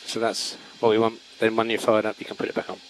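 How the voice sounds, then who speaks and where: A man's voice: on the low side, completely flat delivery, fast. A man working as a race engineer, giving clipped, repeated instructions to a driver over race car radio. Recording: noisy team radio with car sounds.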